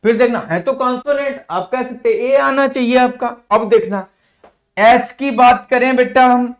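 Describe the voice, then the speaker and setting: High-voiced male teacher in an echoey room. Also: measured pace. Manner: explanatory, addresses students as "beta". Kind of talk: classroom grammar lesson.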